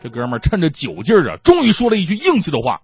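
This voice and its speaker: Animated male comedian with a lively voice. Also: on the high side, rapid-fire, husky, faint music behind. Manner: animated storytelling with acted-out quotes; playful, self-mocking. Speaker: stand-up comedy host. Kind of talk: stand-up comedy monologue.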